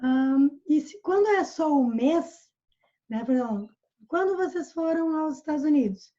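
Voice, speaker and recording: A woman's voice: sits high, expressive, normal speed, dark tone. A Brazilian woman teaching English over a video call, explaining patiently and repeating examples. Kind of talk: online English lesson. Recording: muffled video call audio.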